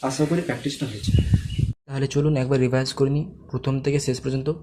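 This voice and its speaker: A man's voice: mid-range voice, flat delivery, rapid-fire, noisy background. A man teaching how to pronounce letters, patiently drawing out each sound and asking learners to repeat after him. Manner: asks the viewer to follow along and checks understanding. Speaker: Quran reading teacher. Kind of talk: step-by-step recitation lesson.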